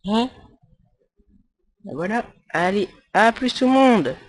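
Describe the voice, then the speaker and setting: A man's voice: high voice, expressive, slow pace. A man talks viewers through a game tutorial in a loose, conversational way. He rambles, trips over his phrasing and fills the gaps with hesitations. Now and then he throws in a playful aside to his audience. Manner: rambling, with many fillers and stumbles; chatty and jokey with viewers. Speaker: tutorial maker. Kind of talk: casual screen-recorded game tutorial.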